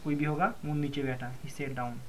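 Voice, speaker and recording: A man calmly prompting simple sentences, repeating and rephrasing each one. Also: fairly high pitch, a little hiss or hum. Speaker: elicitor asking for translations. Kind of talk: language elicitation session.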